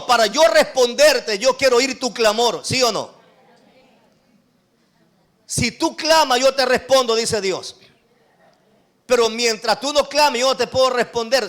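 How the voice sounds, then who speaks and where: A man preaching an evangelical sermon to his congregation in Ecuadorian Spanish, swinging between loud calls and quiet asides. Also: extremely high pitch. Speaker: apostle preaching to his church.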